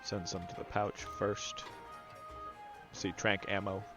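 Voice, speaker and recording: A man's voice: lowish voice, little pitch movement, slow pace. A man giving casual let's-play commentary, explaining game mechanics and thinking aloud. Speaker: gameplay commentator. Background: game music.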